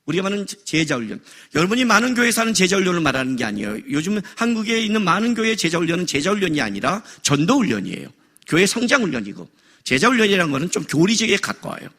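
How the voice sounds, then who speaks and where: A middle-aged male pastor delivering a sermon at a worship service, animated and joking, raising his voice for effect. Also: high-pitched, racing. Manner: animated, jokes and raises voice for effect.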